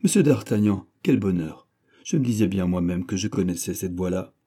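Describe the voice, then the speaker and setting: A man's voice: sits low, lively intonation, normal speed, mellow, slightly rough. A man voicing an old male servant in an audiobook, with a weak, cracked voice, polite and patiently questioning. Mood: glad.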